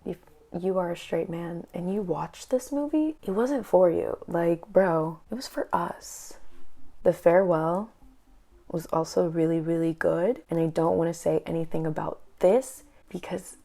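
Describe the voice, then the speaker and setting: A young woman vlogging casually, chatty and full of quick asides. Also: fairly low pitch, steady tone, vocal fry, dark tone. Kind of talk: casual chat.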